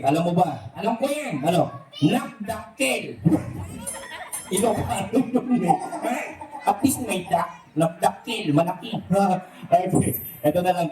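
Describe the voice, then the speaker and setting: A man's voice: fairly high pitch, mellow. A man performing a playful puppet show at a birthday party, teasing and quizzing with lots of laughter. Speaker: puppeteer host. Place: indoor room at a birthday party. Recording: echoey room from far off.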